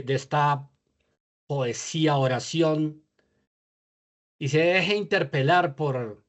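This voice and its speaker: A man leading a spoken prayer over a video call, slow and measured, pausing between phrases. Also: on the high side. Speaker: prayer leader.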